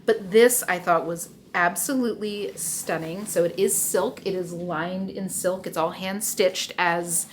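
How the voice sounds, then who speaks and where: A woman's voice: on the low side, steady tone, measured pace, few pauses, slight background noise. A woman with a Philadelphia accent chatting casually to camera about thrifted clothes she plans to resell, enthusiastic and full of "like" and "you know". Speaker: reseller vlogger. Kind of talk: casual haul chat to camera.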